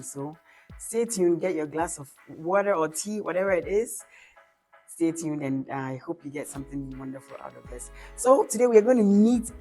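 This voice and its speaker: A woman's voice: sits low, dark tone. A woman hosting an interview show, effusive and encouraging, reacting with frequent exclamations. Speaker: show host. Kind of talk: casual interview.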